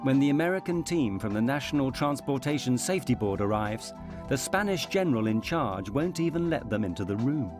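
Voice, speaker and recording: A man narrating a documentary in a measured, dramatic scripted delivery. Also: medium pitch, lively intonation. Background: music.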